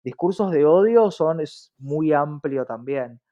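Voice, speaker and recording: Slow, animated and mellow, this fairly high-pitched male voice belongs to an interview guest with an Argentine Spanish accent. A diversity advocate, he explains things emphatically and articulately with frequent rhetorical checks, recorded on dull, muffled lo-fi audio.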